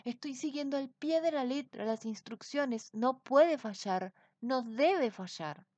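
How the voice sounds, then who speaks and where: A woman's voice: medium pitch, takes it slowly, a little mellow, breathy edge, no echo, lo-fi sound. A woman voicing an anxious but kind man wizard who soothes and explains. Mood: nervous. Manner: soothing, nervous.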